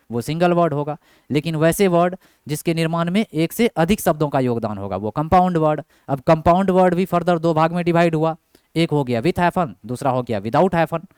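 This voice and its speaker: A man's voice: fairly high pitch, darkish tone, clear, resonant tone, dry recording, studio quality. A young man teaching a grammar class, who keeps asking his own questions and answering them. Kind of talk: Hindi grammar lesson with English terms.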